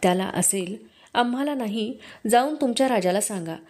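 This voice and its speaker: Drunk, mocking male chieftain, as a woman reads him, pitched up, dark tone. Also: expressive, normal speed. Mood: scornful. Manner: mocking, scornful, shouting.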